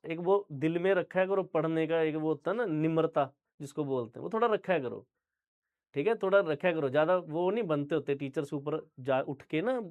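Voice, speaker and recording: A man's voice: on the high side, phone-quality sound. Punjabi man teaching a lecture. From Punjab, India. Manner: talks straight to students, repeats "theek hai" often. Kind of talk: online lecture.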